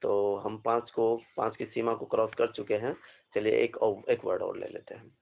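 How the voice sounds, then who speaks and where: A man's voice: fairly low pitch, level tone, moderate pace, creaky. Man teaching vocabulary on a tinny line. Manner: spells words letter by letter, repeats and asks questions. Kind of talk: exam vocabulary lesson. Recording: phone-like narrow band.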